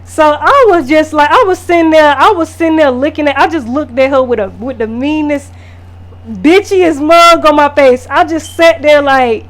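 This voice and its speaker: A woman makeup artist telling a casual storytime vlog, animated and profane, full of fillers. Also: high voice, normal speed, hardly any pauses.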